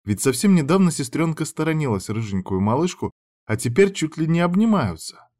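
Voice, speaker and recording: A man reading a first-person story aloud in an even, matter-of-fact way. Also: on the high side, fairly quick. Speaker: audiobook narrator.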